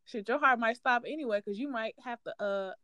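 Wisecracking woman, fairly high, dry. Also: fairly quick, bright, forceful tone, no room sound. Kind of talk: casual chat.

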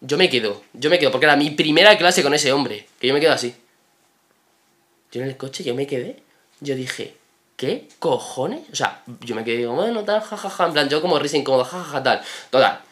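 Young man, podcast co-host, casual storytelling, mid-pitched voice, animated swearing. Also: a little fast. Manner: animated, swearing, fillers like "en plan" and "tal".

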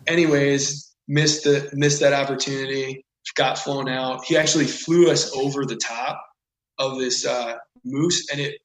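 A man as a podcast guest, telling a story casually and animatedly, with lots of "like" and "whatever.". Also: mid-range voice. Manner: animated, rambling with frequent "like" and "whatever". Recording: echoey room.

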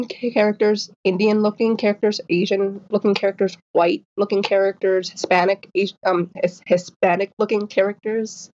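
A woman's voice: mid-range voice, a little mellow. A woman author, a guest in a casual interview, who stutters with repeated sounds and blocks and laughs often. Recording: slightly dull lo-fi audio.

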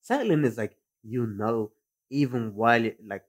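A man's voice: mid-range voice, expressive, normal speed. Young London roadman-accented man, slangy and argumentative. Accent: London, roadman-style urban slang. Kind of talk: casual group chat.

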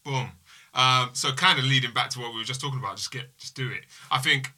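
A man's voice: mid-range voice, quick pace, pushed and bright. A man being interviewed as an endurance athlete, offering upbeat motivational advice. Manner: upbeat, motivational, repeats "just do it". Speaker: guest athlete. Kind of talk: casual interview chat.

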